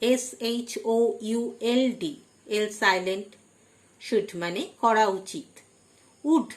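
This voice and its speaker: A woman teaching vocabulary, spelling each word out letter by letter and stressing each headword. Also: mid-range voice. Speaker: English teacher. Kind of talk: slow vocabulary lesson, spelling words letter by letter.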